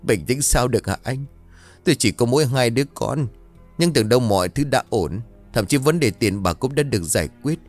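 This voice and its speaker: Grief-stricken drunk father, bitter and agitated, played by a male narrator, lively pitch. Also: a little fast, faint music behind, natural voice. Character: grieving middle-aged father, drinking heavily.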